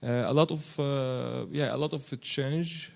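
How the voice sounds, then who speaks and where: A man from Syria speaking on a panel, halting, with many fillers and restarts. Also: mid-range voice, steady tone, gravelly. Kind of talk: panel discussion.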